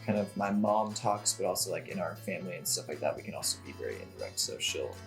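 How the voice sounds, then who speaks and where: A man in his twenties from the United States, chatting casually in an animated way with fillers as a guest. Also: low-pitched, fast talker, creaky, over music. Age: 20s. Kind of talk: casual discussion.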